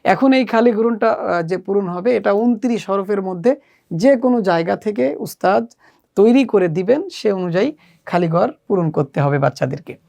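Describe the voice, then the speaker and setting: Gravelly-voiced male teacher explaining lessons. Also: high-pitched, animated, a little mellow. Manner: measured, explanatory, with frequent "ah" fillers. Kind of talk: instructional walkthrough for teachers.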